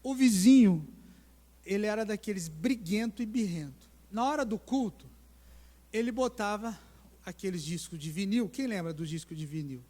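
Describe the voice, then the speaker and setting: A man's voice: high-pitched, moderate pace. A middle-aged male pastor preaching a sermon, telling stories animatedly and putting questions to the congregation. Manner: animated storytelling with acted voices and questions to the congregation. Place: church sanctuary. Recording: long church-hall reverb.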